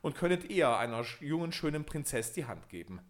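An indignant old grand vizier, as a male reader plays him in a storybook recording. His voice climbs higher than the narration and grumbles with fussy protest. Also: sing-song, brisk. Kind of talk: audiobook reading of a fairy tale.

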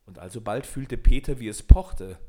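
A man's voice: medium pitch, moderate pace, dark tone. Man reading a fairy tale. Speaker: narrator.

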